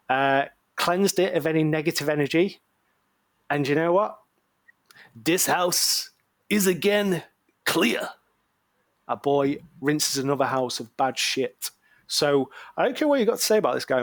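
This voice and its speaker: A man's voice: a little high, no echo. A man co-hosting a podcast and telling a case story in a rambling, slangy, jokey way, full of ums. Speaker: podcast co-host. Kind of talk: casual podcast chat.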